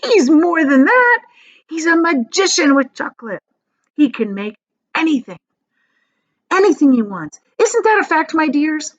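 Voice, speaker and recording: A woman's voice: high-pitched, sing-song, unhurried, long pauses, dull audio, pitched above the performer's own voice. A woman voicing an eager, emphatic ninety-six-year-old grandfather in a children's storybook read aloud. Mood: excited, amazed.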